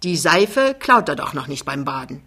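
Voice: mid-range voice, big pitch swings, normal speed, sharp tone, husky, heavily acted. A reader voicing a big, talkative, overbearing man who confides and gossips. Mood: confiding.

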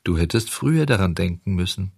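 A man reading a storybook aloud, voicing a kind, solemn little marmot who speaks slowly and soothingly. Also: deep voice, lively intonation, creaky, a little mellow, husky, no echo, studio quality, heavily acted. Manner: slow, soothing, lecturing.

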